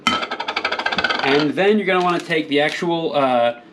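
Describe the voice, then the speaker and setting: A man hosting a cooking demonstration, rambling through crude deadpan jokes and slurring a little from drinking. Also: a little high, takes it slowly, very noisy. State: a little tipsy, slurring slightly. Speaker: cooking show host.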